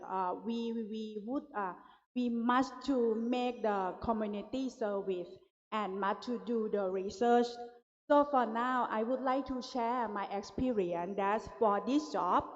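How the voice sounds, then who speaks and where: A woman from Thailand with a Thai accent, giving a conference talk in hesitant English full of fillers. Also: fairly high pitch. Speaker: conference speaker. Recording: muffled echoey hall PA.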